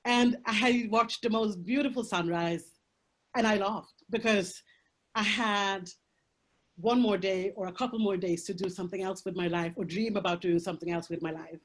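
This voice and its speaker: Her pitch is medium, her tone steady, her pace moderate. Originally a Swedish speaker, she talks English with that accent as a video-call panel guest, being candid, forceful, and profane, and laughing through tough subjects.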